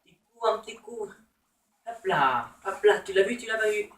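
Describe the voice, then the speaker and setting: Playful high-voiced man commenting a game. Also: animated, normal speed, fairly bright tone, echoey room, distant mic, poor audio. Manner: playful, teasing with exclamations and taunts. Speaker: gamer. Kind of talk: casual let's-play commentary.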